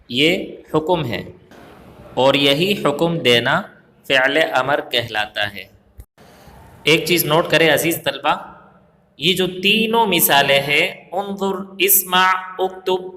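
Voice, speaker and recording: A male Arabic grammar teacher with a Pakistani Urdu accent, giving a recorded video lesson step by step, asking and answering his own questions and slowing down to recite examples. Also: fairly high pitch, sharp tone. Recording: echoey room with long reverb.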